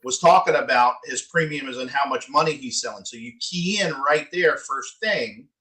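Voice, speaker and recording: A man co-presenting a sales training, chatting in a coaching way with fast asides. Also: medium pitch, pushed and bright, low-quality recording. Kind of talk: casual training discussion.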